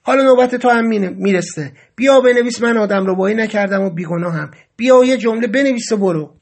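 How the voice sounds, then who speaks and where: A bored, dismissive judge, put on by a man narrating a story speaks in short, curt lines. His voice sits high, and his tone shows no patience at all. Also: gravelly. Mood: impatient. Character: curt, impatient male judge.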